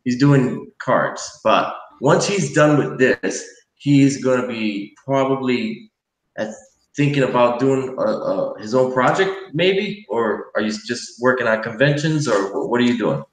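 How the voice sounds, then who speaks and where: A man's voice: mid-range voice, a little slow. A man hosting a casual livestream while he draws, rambling with many fillers and restarts. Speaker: livestream host. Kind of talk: casual chat while drawing. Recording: roomy, distant from mic.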